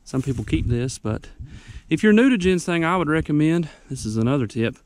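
Guy kinda out of breath out in the woods, folksy how-to rambling, mellow voice. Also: on the high side, sing-song, a little fast, no room sound. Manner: folksy, rambling, repeats tips. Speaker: ginseng hunter vlogger. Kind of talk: casual outdoor how-to vlog. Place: wooded mountainside outdoors.

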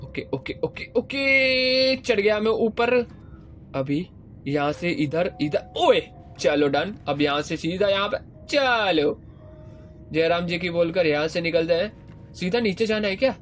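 Excitable young man playing a horror game. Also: a little slow, a little hiss or hum. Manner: excitable, yelps high when scared, swears playfully. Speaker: gaming YouTuber. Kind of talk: live horror game commentary. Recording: game music loud behind voice. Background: horror game music.

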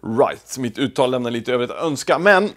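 A man's voice: mid-range voice, expressive, a bit bright, a little hiss or hum. A man hosting a casual home cooking video, talking to the camera while he cooks, with offhand, self-deprecating asides. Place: home kitchen.

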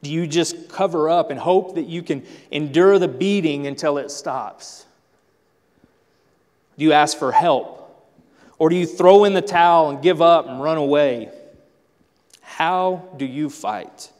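A man's voice: on the high side, measured pace, long pauses, a little mellow, big-room sound. A man preaching a sermon as pastor, telling stories animatedly and acting out everyday family scenes. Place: church sanctuary.

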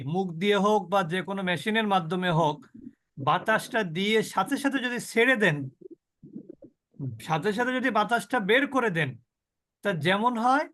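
A man with a fairly high voice leads a Quran recitation lesson, explaining patiently and asking questions he answers himself. He demonstrates each sound several times over. The recording is dry and close, with no room echo. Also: bright, forceful tone. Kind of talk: online tajweed class.

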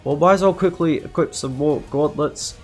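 A man's voice: on the high side, normal speed, a little mellow, soft background music. A man giving live commentary over his gameplay, frantic and anxious, repeating himself over and over as he talks. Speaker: gaming video creator.

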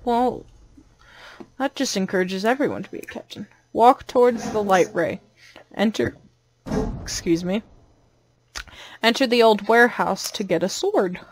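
A woman's voice: mid-range voice, unhurried, long pauses, slight background noise. A young woman hosting a let's-play, giving playful, chatty commentary and jumping easily. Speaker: gaming channel host.

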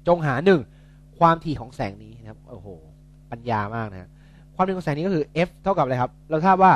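A man's voice: fairly high pitch, expressive, fast talker. A young man tutoring physics in a casual, chatty way, joking and correcting himself as he works through problems.

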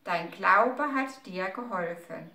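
A woman from the parish reading a Bible story to children in a gentle storytelling manner. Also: mid-range voice, animated, slow pace. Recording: echoey room, distant mic.

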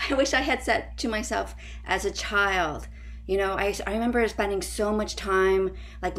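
Woman improviser from Canada, upbeat and earnest, laughs easily, video call. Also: medium pitch. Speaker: panelist, improviser and actor. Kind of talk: casual video call chat. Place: bright home room.

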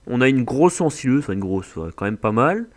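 Brisk and medium-pitched, this French man hosts a gaming channel and is playing a co-op farming game. His casual chat with his co-player is full of relaxed, joking banter, and the recording has no echo.

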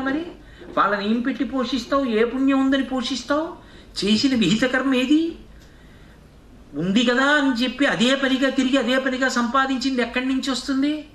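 High-pitched man preaching in an echoey hall. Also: a bit bright, far from the mic, a little hiss or hum. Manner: preaching with rhetorical questions and chanted verse. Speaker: spiritual discourse speaker. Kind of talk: devotional discourse.

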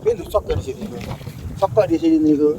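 A man in a heated, defiant argument outdoors by farm fields, shouting back and refusing to leave. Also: a little high, wildly swooping pitch, quick pace, very noisy.

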